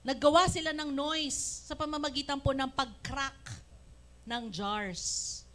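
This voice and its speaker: A woman with a Filipino accent preaching a sermon, animated, acting out quotes and shouting praise. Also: high voice, slow. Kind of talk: Taglish sermon. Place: church service.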